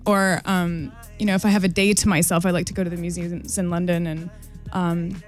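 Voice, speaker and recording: A woman's voice: on the low side, little pitch movement, brisk. Brief: woman DJ being interviewed in a radio studio, chatty and giggly, faint music underneath. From New York, USA. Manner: chatty, giggly, many fillers and restarts. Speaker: DJ guest.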